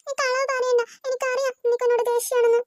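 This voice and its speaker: A performer voicing a touchy young girl in a cartoon who is quick to feel hurt and sulk. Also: very high voice, little pitch movement, slight background noise. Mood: sulky. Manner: sulky, quick to take offence.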